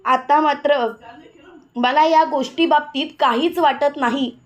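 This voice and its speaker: A woman's voice: high voice, steady tone, measured pace. Indu, a furious village woman, read by a woman narrator. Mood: angry. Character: fierce angry young village woman.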